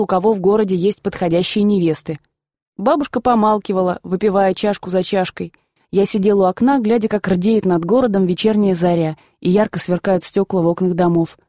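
A woman reads a classic novel aloud in calm, even storytelling. Her voice sits at an ordinary middle pitch. The recording is dry and close, with no room sound. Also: a little fast, no room sound. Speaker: audiobook reader. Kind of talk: scripted narration of a classic novel.

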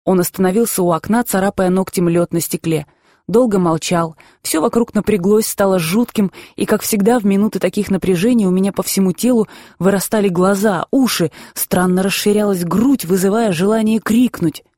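A woman narrating an audiobook in a calm, measured storytelling manner. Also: mid-range voice, dry recording, studio quality.

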